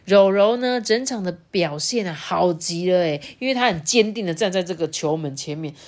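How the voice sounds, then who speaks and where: A woman reading a picture book aloud to children, lively and playful, with chatty asides. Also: lowish voice, normal speed. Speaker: storyteller.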